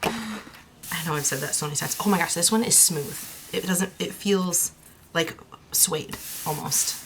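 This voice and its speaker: A young woman chatting casually in a vlog, gushing and chatty, with soft whispered asides. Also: on the low side, normal speed, background noise. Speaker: crafting vlogger.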